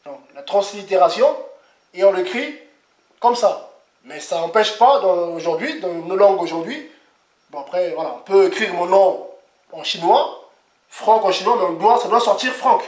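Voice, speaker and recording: A man giving an informal, rambling sermon, repeating himself with animated asides. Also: high voice, normal speed, roomy sound. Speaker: preacher.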